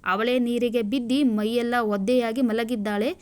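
A woman voicing a gruff, hot-tempered young village man in a storybook reading. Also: on the high side, steady tone, moderate pace, natural voice. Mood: irritated. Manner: snapping, scolding.

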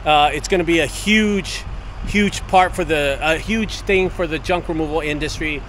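A man in his late forties gives a casual walk-and-talk vlog through an empty warehouse and out in the open air. His voice sits slightly high, and he speaks earnestly, circling back to the same points. Faint outdoor noise runs behind him. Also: moderate pace, a bit bright. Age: 40s. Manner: earnest, repetitive motivational pep talk. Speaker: business owner vlogger. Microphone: wireless earbud mic, handheld camera.

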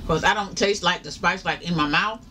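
A woman's voice: on the low side, fairly quick. Woman chewing while talking, distant mic. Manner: casual, drawling, lots of mm-hmms. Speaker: food vlogger. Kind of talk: mukbang snack review. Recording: distant mic, noisy room.

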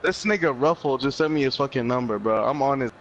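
A man in casual voice chat during a game, loud, crude and swearing a lot. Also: mid-range voice, fast talker, muffled recording, a little hiss or hum. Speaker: friend in voice chat.

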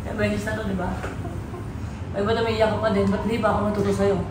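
A woman's voice: mid-range voice, little pitch movement, fast, roomy sound, far from the mic, noisy background. A mother scolding her daughter sternly in a vlog, repeating pointed questions. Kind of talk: vlog confrontation.

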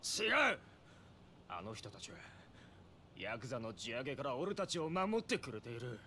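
An actor playing a defiant, agitated young neighborhood resident in a video game, speaking in a rough, emotional way. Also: male voice, mid-range voice, very animated, normal speed, pushed and bright, a little hiss or hum. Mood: defensive. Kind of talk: video game drama acting.

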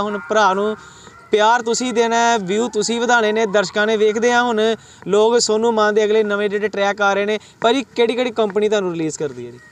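A man interviewing a singer for a web news channel, eager and promotional, urging viewers on. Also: high-pitched. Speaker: reporter, interviewer.

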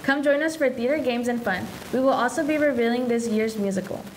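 A woman's voice: a little high, brisk, a little hiss or hum, poor audio. Teen girl reading school news. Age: teens. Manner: reads announcements steadily. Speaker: student news anchor. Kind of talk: scripted school announcements. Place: school TV studio.

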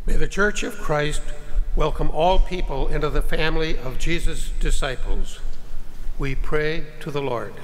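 An older man acting as a lector, reading the prayers of the faithful at a lectern in a steady, repeated liturgical pattern. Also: a little high, unhurried, noisy background. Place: large church, at a lectern. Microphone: podium microphone. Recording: reverberant church with faint ambience.

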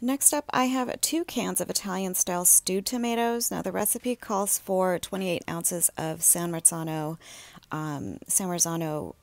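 A woman in her thirties talks through a home recipe in a relaxed, chatty way, as if to a friend. Her voice sits a little low, with a gravelly edge of vocal fry. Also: measured pace. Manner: relaxed, chatty, with fillers and small laughs. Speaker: home cook vlogger. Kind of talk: casual cooking voice-over.

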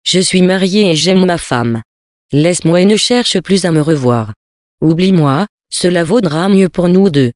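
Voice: medium pitch, lively intonation, measured pace, no echo, studio quality, natural voice. A reader voicing a cold, self-satisfied young French officer who speaks curtly and dismissively, in a storybook reading. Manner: curt, dismissive.

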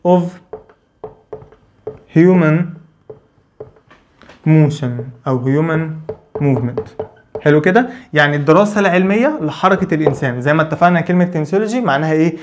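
A man's voice: on the high side, lively intonation, rapid-fire, a little hiss or hum. A man with an Egyptian Arabic accent giving a physical therapy lecture, asking questions and answering them himself. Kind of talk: lively explanatory lecture.

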